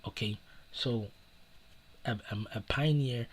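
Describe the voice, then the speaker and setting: A man with a mid-range voice speaks slowly while hosting a live stream. He gives casual advice earnestly and repetitively, full of fillers and restarts.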